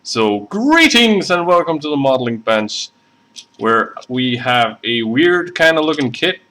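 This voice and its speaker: A man with a Southern accent streams himself building a scale model at his hobby desk, chatting casually in a rambling, self-deprecating way packed with fillers. His medium-pitched voice swings widely in pitch, is pushed and bright, and moves a little slowly.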